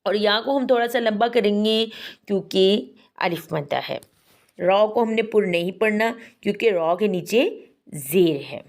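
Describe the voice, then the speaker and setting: With an animated delivery at medium pitch, a woman explains Quran recitation rules step by step. She takes a patient, methodical approach and models each pronunciation slowly.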